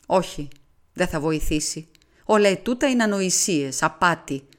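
A woman's voice: fairly low pitch, animated, lightly acted. A woman voicing a weary, tormented dying man in an audiobook, with pained, pleading words. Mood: anguished.

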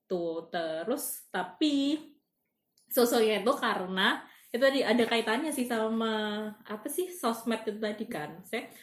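A woman, talking casually on a podcast with many pauses and fillers. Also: on the high side. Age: 20s. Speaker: podcast co-host. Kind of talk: casual chat. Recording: echoey room.

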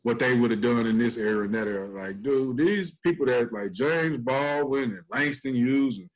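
A man's voice: mid-range voice, normal speed, rough recording. A man co-hosting a podcast in casual chat, joking and slangy, laughing a lot. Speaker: podcast co-host.

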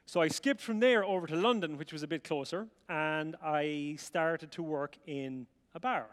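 In a reverberant hall, a middle-aged Irish storyteller from the rural midlands shares his life story with an audience, joking at his own expense and performing the dialogue. His voice sits on the high side at a moderate pace.

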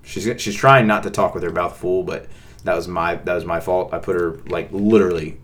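Deep-voiced man, casual podcast co-host, chatty and repetitive. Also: steady tone, fairly quick, fairly bright tone. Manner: rambling, repeats words, many fillers. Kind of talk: casual couple's podcast chat.

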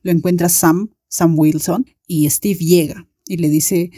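A young woman with a Latin American Spanish accent tells a story in a chatty, animated way. She acts out her friends' lines as she goes. Her voice is low-set and mellow, recorded close and dry. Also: slow, no echo. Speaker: podcast host. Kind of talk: casual storytelling monologue.

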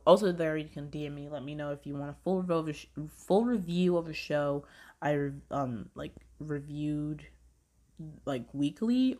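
A young woman hosting a casual weekly review podcast, animated and sweary, swinging from low mumbles to high squeals. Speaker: podcast host reviewing shows.

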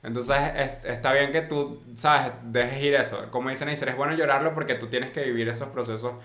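A young man co-hosting a casual advice podcast, talking in a relaxed, rambling way full of filler phrases. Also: mid-range voice, normal speed. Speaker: podcast co-host. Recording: echoey room.

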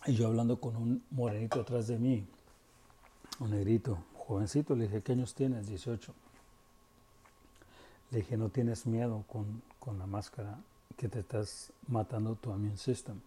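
Un hombre con acento mexicano que divaga en un monólogo casual hacia sus espectadores, se corrige a menudo y mete palabras en inglés. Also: male voice, on the low side, steady tone, moderate pace, pauses often, dark tone, a little hiss or hum. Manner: rambling, restarts often, switches into English words. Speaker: video commenter addressing viewers. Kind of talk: casual personal monologue.

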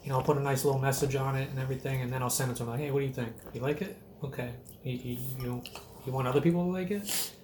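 A laid-back man hosts a loose, joking chat full of casual profanity. His mid-pitched voice rings in a roomy space, with a faint hiss underneath. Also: steady tone, very fast, a little mellow.

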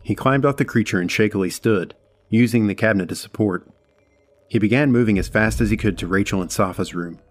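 A man giving a measured, dramatic scripted horror narration. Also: on the low side.

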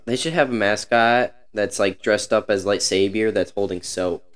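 A man's voice: lowish voice, normal speed, smooth. A goofy, easily distracted young man giving score picks in a casual chat.

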